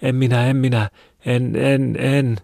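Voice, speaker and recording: A man's voice: medium pitch, level tone, vocal fry, pushed and bright, dry recording, studio quality, pitched above the performer's own voice. A man voicing a distressed, mentally ill peasant woman who pleads and whimpers in a raised voice. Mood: panicked.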